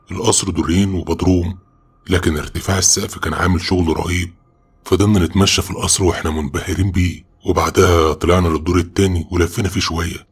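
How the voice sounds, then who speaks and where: A man with an Egyptian Arabic accent telling a first-person horror story in a brisk, dramatic, scripted narration. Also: low-pitched, husky.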